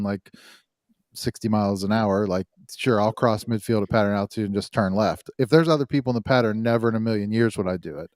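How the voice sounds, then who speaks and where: A male podcast co-host who states his views emphatically. His voice sits low and sounds close and dry. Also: a little mellow, dry recording. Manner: emphatic, opinionated. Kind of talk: casual chat.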